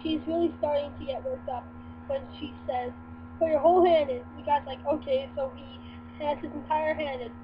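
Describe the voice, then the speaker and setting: A young woman reading dirty jokes aloud in a halting, giggly way, on a lo-fi home recording with hum. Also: high-pitched, steady tone.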